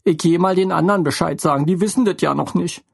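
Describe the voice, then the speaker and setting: A man reading a story and voicing Lene, a stout, kindly older woman who is breathless and tearful, in a higher voice. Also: fast, creaky, slightly rough, no room sound, studio quality, heavily acted. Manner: sobbing, breathless and simple-spoken.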